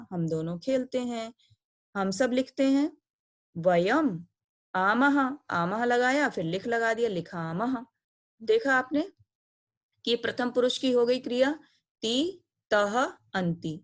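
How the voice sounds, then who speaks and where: A woman with a fairly high voice teaches an online grammar lesson. She explains each step patiently and slows right down to recite endings one by one, deliberate and clear. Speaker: Sanskrit teacher.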